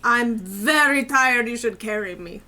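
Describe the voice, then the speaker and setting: A woman voicing a tiny, lost, excitable female adventurer in a tabletop game, calling out plaintively in drawn-out words. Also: fairly high pitch. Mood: excited, plaintive. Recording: faint background noise.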